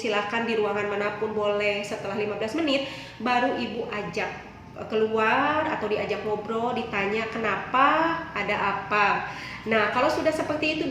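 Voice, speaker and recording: Brief: woman, parenting seminar speaker, higher voice, very echoey hall with faint hiss. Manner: addresses audience often, repeats points, lively stresses.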